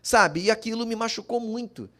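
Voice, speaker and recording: A Brazilian father delivers an emotional personal testimony at a public forum in a high-pitched, bright, forceful voice at a moderate pace. He imitates the voices of his family as he recounts what happened.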